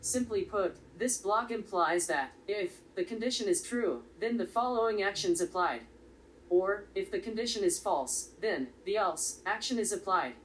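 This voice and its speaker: A woman presenting a step-by-step coding tutorial in a steady, explanatory way. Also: medium pitch, normal speed. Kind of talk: step-by-step software tutorial narration. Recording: slightly distant voice with faint background noise.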